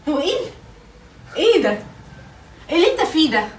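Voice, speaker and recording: A young woman with an Egyptian accent and a high voice fires off her words very fast. She keeps repeating her demands, and she sounds distant in an echoey home room. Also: very animated, a little hiss or hum. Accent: Egyptian Arabic. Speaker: wife, channel co-host. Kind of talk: casual heated argument at home. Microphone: phone set up across the room. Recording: echoey room, camera far off.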